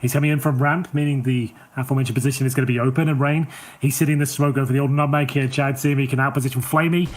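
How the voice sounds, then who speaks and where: A man calling live esports action play by play, rapid and excitable as the plays unfold, on a headset mic. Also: medium pitch. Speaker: play-by-play caster. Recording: clear background noise with clicks.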